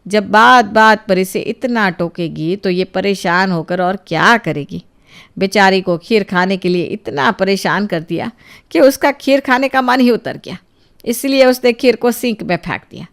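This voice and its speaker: A woman's voice: medium pitch, unhurried, gravelly, fairly bright tone, pitched below the performer's own voice. A woman voicing a scolding old grandmother who spoils her granddaughter, in a cartoon storybook. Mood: chiding. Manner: indulgent, chiding.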